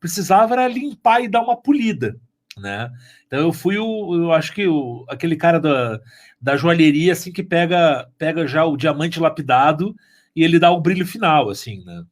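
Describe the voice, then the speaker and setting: A sound engineer and mixer on an audio drama, a man with a southern Brazilian accent, chats casually in an interview at a moderate pace and a fairly high pitch. He tells things like an animated storyteller, acting out the remarks he quotes.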